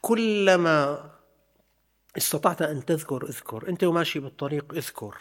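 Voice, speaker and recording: A man's voice: fairly high pitch, rapid-fire, slightly rough. A man giving a religious lesson, emphatic and full of repeated rhetorical questions. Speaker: religious teacher.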